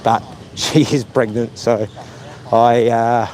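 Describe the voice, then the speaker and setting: A middle-aged man chats on a casual live stream from his phone while walking by a lake. He rambles, corrects himself and pokes fun at himself, with a voice of ordinary pitch. Faint outdoor noise hums behind him. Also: flat delivery, slow pace, darkish tone. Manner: chatty, meandering, self-deprecating, many fillers.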